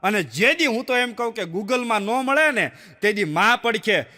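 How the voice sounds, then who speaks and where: A man's voice: high voice, measured pace. A man telling folksy stand-up jokes to a laughing audience, acting out the people in his stories. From Gujarat, India. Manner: animated storyteller who acts out the people in his jokes. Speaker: stand-up comedian. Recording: long hall reverb.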